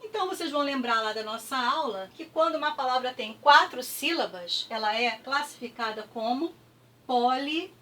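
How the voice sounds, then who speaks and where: High-voiced Brazilian teacher, patient. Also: female voice, animated, bright, forceful tone, distant mic. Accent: Brazilian Portuguese. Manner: patient, repeats words slowly with clapping, frequent "tá?" checks. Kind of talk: classroom review lesson.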